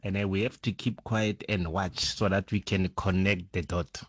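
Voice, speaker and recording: Man, recorded voice note, low voice, dry sound, earnest, measured. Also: steady tone, slightly rough, no room sound. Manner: earnest, measured, pausing with fillers. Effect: recorded voice note played on air. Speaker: listener sending a voice note. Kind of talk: casual spoken message.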